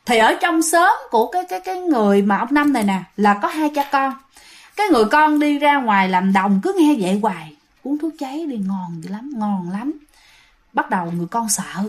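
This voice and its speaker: A woman with a Southern Vietnamese accent tells a ghost story in a loose, chatty way. Her voice sits quite high, and she keeps turning to address her listeners directly. She often trails off and starts a sentence over. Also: lively intonation, fast talker. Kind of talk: casual ghost story narration.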